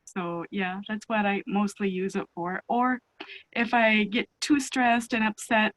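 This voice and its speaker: A woman's voice: medium pitch, fairly even intonation, a little slow, fairly bright tone, no room sound, poor audio. A woman taking part in a group call, chatting casually as a participant. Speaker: workshop participant. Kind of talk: casual chat.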